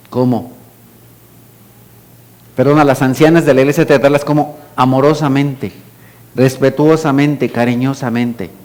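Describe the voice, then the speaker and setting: A middle-aged Mexican pastor preaches in a relaxed, conversational style with a slightly high voice. He often drops into a soft, hushed tone when he acts out a parent speaking. His speech is loose and talky rather than formal. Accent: Mexican Spanish. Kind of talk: sermon.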